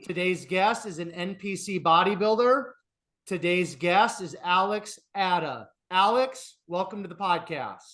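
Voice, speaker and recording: A man's voice: sits high, expressive, unhurried, pushed and bright. A man hosting a podcast interview, asking questions in a friendly way with many "uh"s and repeated words. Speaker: podcast host.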